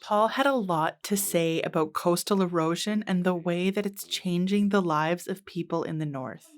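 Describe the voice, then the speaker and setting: A woman's voice: fairly low pitch, normal speed. A woman reading scripted documentary narration as the host.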